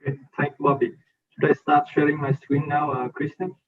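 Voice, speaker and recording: A man's voice: a little high, little pitch movement, moderate pace. Man, online conference presenter, hesitant delivery, muffled as if through a wall, distant tinny laptop mic. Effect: muffled, as if heard through a wall. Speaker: invited conference speaker. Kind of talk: online academic talk. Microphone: laptop mic on a video call.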